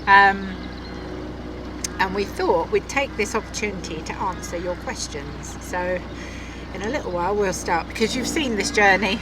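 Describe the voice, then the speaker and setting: A woman's voice: mid-range voice, moderate pace. A middle-aged woman from Essex with an Essex accent, chatting and laughing easily as she reads out viewer questions. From Essex, England. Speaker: vlog co-host. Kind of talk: casual chat. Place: outdoors on a moving narrowboat. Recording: outdoor noise from boat and traffic.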